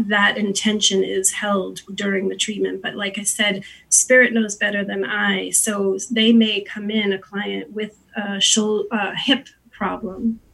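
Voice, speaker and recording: Female sound-healer guest, husky with vocal fry, gently instructive, somewhat halting. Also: mid-range voice, rough recording. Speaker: interview guest, sound healer and Reiki practitioner. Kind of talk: unscripted interview, explaining and giving gentle guidance.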